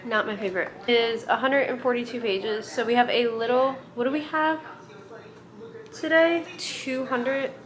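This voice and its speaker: A young woman chatting casually and candidly in a book vlog, sometimes hushing her voice. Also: a little high, normal speed. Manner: chatty, candid, often drops to a hushed voice at night. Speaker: book vlogger.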